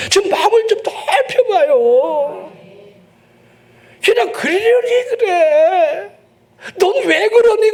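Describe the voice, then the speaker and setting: A man pastor with a Chungcheong accent preaching a sermon in a church, joking with the congregation and breaking into shouts. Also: very high voice. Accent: Chungcheong Korean. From Chungcheong, South Korea. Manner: joking, animated, bursts into shouting. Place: church sanctuary.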